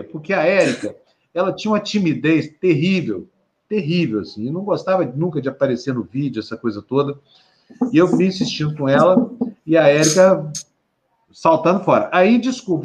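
A man with a Brazilian Portuguese accent hosting a live stream in a chatty, teasing way. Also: a little high. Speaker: host. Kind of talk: casual live-stream chat. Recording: dull lo-fi stream audio.

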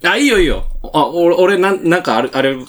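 Fast, bossy, teasing Japanese man. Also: sits high, expressive, a bit bright. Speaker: podcast comedian. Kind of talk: improvised comedy sketch.

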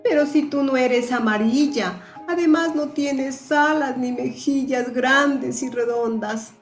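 A woman's voice: high-pitched, slow, soft background music. A woman voicing a tiny, lonely little boy parrot who speaks in a pleading, childlike way. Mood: surprised.

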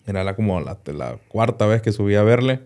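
A man with a low voice and a dark, mellow tone recounts a personal story as an interview guest. He is a doctor who hesitates as he talks and keeps repeating small words before finding the next phrase. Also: expressive, brisk.

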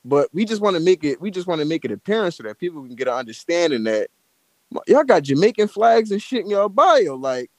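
An American man arguing in a heated casual debate, blunt and cursing freely. His voice sits a little high for a man and sounds dry and close, with hardly any room around it. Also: big pitch swings, fairly quick, darkish tone, no echo. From United States. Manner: blunt, profane, emphatic. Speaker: participant in an audio chat room.

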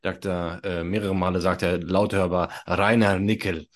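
A man narrating as game master in a tabletop role-play, halting and full of fillers. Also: deep voice, level tone.

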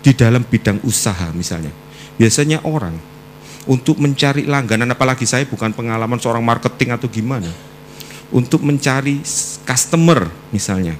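A man preaching a sermon with personal testimony, swinging between loud exhortation and soft, prayerful asides. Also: medium pitch, animated, moderate pace, a little hiss or hum.

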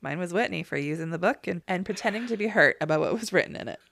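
A woman's voice: fairly low pitch, expressive, quick pace, vocal fry, a bit bright, dry recording, clean studio sound. A woman co-hosting a podcast, chatting casually and emphatically about reality TV and acting out quotes. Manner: emphatic, acts out quotes with laughs. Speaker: podcast co-host. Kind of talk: casual gossip chat.

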